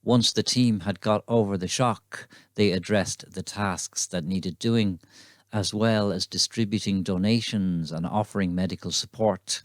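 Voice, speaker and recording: A man giving measured, scripted documentary narration. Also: low-pitched, dry recording, studio quality.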